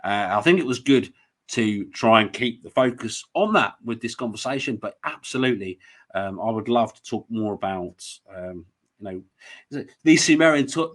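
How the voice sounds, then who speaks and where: A man's voice: mid-range voice, animated, normal speed, fairly bright tone. A man hosting a casual conversation, talking in a rambling, hesitant way. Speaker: host.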